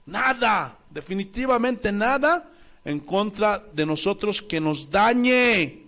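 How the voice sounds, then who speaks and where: Animated male preacher with a lively high voice. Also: slow. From Bolivia. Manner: animated preaching, acts out voices, asks the congregation questions. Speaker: pastor. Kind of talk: sermon.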